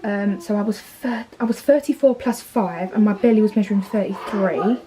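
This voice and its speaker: Sounding worn out, an Essex-accented Englishwoman in her thirties who is heavily pregnant rambles through a casual vlog, restarting sentences and filling gaps. Her voice is warm and medium-pitched at a normal speed, captured on a rough recording.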